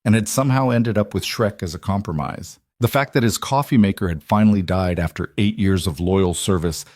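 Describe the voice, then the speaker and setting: A man narrating a scripted story in an even, measured way. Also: low voice, no room sound, studio quality.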